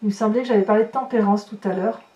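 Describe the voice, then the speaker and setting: A tarot reader hosting her channel rattles through an improvised reading very fast in a steady, mellow, mid-range voice with a lo-fi sound. She throws in astonished, exclamatory comments on the cards, with roomy echo, a distant mic and background noise.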